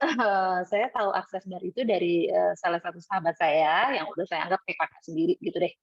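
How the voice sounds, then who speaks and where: Seorang perempuan tamu wawancara bercerita santai, sering menirukan percakapan dengan nada lebih tinggi. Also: female voice, fairly even intonation, fairly quick, no room sound. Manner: chatty, acts out quoted dialogue with rising pitch. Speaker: interview guest. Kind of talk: casual storytelling. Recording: dull dry lo-fi sound.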